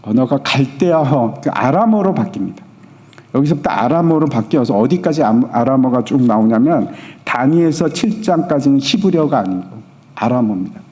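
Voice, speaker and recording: Korean pastor preaching in an echoing hall. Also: male voice, mid-range voice, lively intonation, fairly quick, a little mellow. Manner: storytelling, asking the congregation questions. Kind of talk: sermon at a Friday prayer meeting. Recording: long church hall reverb.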